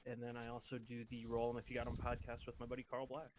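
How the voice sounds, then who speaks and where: A man's voice: mid-range voice, monotone, quick pace, a little hiss or hum. A man from Ohio who hosts a podcast, talking energetically and listing options.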